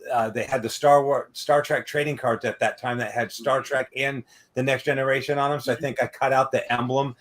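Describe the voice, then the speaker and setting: A man's voice: mid-range voice, fairly bright tone. A man, hosting a podcast and telling rambling anecdotes full of filler tags. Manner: rambling, many "or whatever" tag-ons. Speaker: podcast host. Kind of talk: casual storytelling chat.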